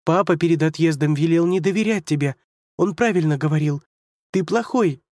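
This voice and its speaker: A man voicing a frightened young girl who cries out in panic with a high, strained pleading voice. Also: moderate pace, darkish tone, no room sound, studio quality, natural voice. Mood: accusing.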